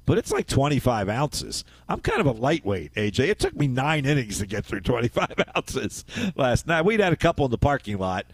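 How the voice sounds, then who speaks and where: Chatty, rambling sports radio host. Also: male voice, medium pitch, huge pitch swings, normal speed, slightly rough, dry recording. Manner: rambling, chatty storyteller who laughs at himself. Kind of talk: casual radio chat.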